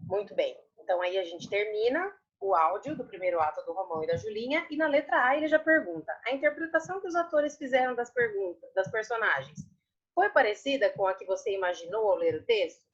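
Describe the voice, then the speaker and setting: A woman's voice: medium pitch, lively intonation, fast talker, highs cut off. A Brazilian woman teacher patiently explaining homework answers to young students, often repeating words and asking tag questions. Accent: Brazilian Portuguese. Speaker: primary school Portuguese teacher. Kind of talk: online class explanation.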